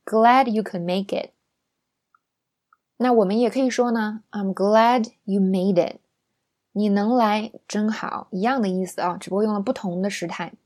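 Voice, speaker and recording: A woman's voice: medium pitch, steady tone, moderate pace, a little mellow. Young woman, English teacher, chatty, playful, rhetorical questions. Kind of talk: online English lesson.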